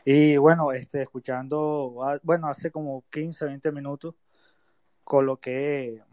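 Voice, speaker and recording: A man's voice: fairly high pitch, steady tone, takes it slowly, dark tone, no room sound. A man with a Colombian Caribbean coast accent, calling in to a live talk and speaking hesitantly. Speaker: caller.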